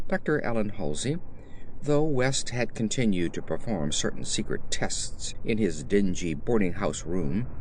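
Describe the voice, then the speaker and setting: In a recording with a little hiss or hum, a man with a fairly low pitch reads first-person gothic horror as an audiobook narrator. He sounds grave and theatrical, placing deliberate emphasis throughout.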